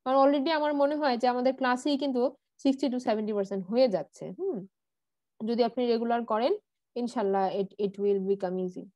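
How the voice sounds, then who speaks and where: A woman with a high voice teaches a grammar lesson and walks slowly through each word form. She poses questions and answers them herself, and drops English words into her talk. The sound is dry, close and plain. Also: warm tone, no echo. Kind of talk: online class lesson.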